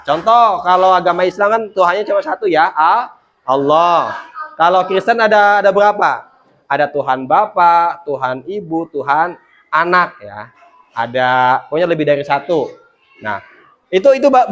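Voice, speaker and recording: This is a teacher in the middle of a classroom lesson, with a voice of middle pitch. They keep quizzing the pupils with quick questions and then explain each answer. A faint noise sits behind the voice. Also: a bit bright, lo-fi sound. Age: adult.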